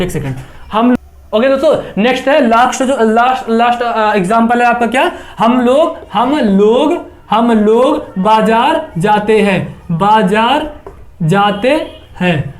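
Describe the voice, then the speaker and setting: A young man teaching English translation in an online class, asking the students questions, answering them himself and repeating example sentences slowly. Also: very high voice.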